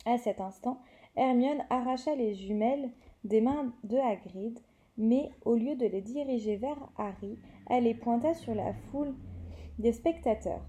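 A woman's voice: fairly high pitch, a little slow, dark tone. A woman reading a novel aloud, with occasional slips and self-corrections. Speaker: reader.

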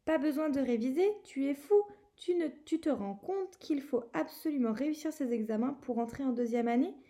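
A woman reading the part of a bossy, anxious schoolgirl witch, insistent and quickening. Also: high-pitched, warm tone.

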